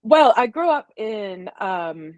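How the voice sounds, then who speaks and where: A woman from the American South, a historian guest on an interview podcast, talking in halting phrases with many restarts. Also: mid-range voice, very animated, no echo. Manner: halting, restarts, frequent laughs.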